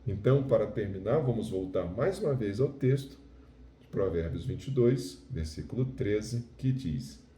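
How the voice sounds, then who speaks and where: A man with a Brazilian Portuguese accent teaching Spanish in a video lesson, explaining slowly and checking in with "ok?". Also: lowish voice, expressive, mellow, reverberant, recorded from a distance, slight background noise.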